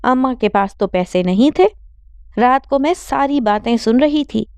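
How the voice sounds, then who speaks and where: A woman's voice: fairly high pitch, animated, darkish tone, clear, resonant tone, dry recording, pitched above the performer's own voice. A woman voicing a hard-working young woman student, an older sister who accuses in a heated way. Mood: suspicious.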